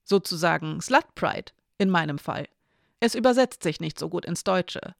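A nervous young woman in a spoken story, hesitant and then a little hasty, with a playful edge, as a reader puts her on. The voice has a gravelly, creaky grain, and the recording is close and dry. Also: medium pitch, lively intonation, normal speed, no echo. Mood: candid.

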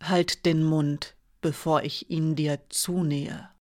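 A woman voicing a protective young woman who speaks quietly, slowly and firmly in an audiobook. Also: on the low side, fairly even intonation, close to an everyday voice. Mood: icy. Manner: quiet, slow and firm.

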